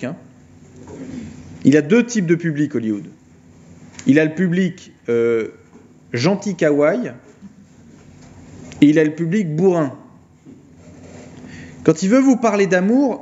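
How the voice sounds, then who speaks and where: A man giving an informal philosophy lecture, retelling a film plot with mocking, animated storytelling. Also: a little high, muffled recording.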